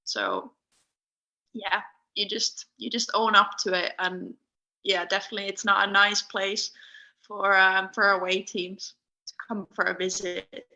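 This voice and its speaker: A young woman from Finland, a podcast guest speaking casually over an internet call, pausing often with ums. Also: medium pitch, pushed and bright. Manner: hesitant, many ums and restarts. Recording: muffled internet call audio.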